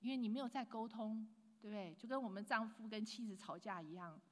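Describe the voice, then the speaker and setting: A woman preaching a sermon with lively emphasis, dropping to hushed asides and mixing in English phrases. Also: fairly high pitch, fast talker. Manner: swings between loud emphatic lines and hushed asides. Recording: long hall reverb.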